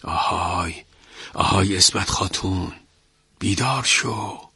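A man doing a hushed, scheming old merchant. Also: sits low, steady tone, husky, dry recording, exaggerated voice. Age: older. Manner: hushed, conspiratorial.

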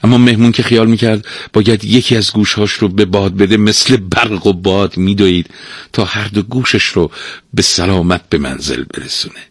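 A man narrating a storybook aloud, expressive and lively. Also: on the low side, breathy edge, dry recording, studio quality.

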